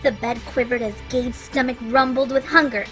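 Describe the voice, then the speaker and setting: A woman reading a children's picture book aloud, playful and expressive. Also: on the high side, moderate pace, soft background music. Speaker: children's story reader. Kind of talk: read-aloud storytelling.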